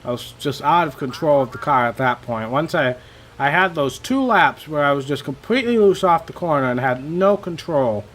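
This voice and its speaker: A young man giving casual, rambling commentary over his racing game, a little hoarse and self-deprecating, with many fillers. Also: a little high, lively intonation, normal speed, fairly bright tone, a little hiss or hum. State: slightly losing his voice. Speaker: gaming channel host.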